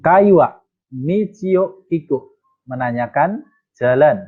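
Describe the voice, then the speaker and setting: A man teaches in a relaxed, unhurried way. He reads each Japanese example slowly before translating and explaining it. The sound is thin and tinny, like a phone line. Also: fairly high pitch, husky. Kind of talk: casual explanatory lesson.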